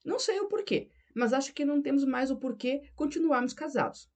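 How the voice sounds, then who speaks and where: A woman narrator voices a conflicted young wife, defensive and pleading in her denials. The voice is fairly high, mellow and warm. It is an audiobook character read by the narrator herself. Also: expressive, a little fast. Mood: emotional.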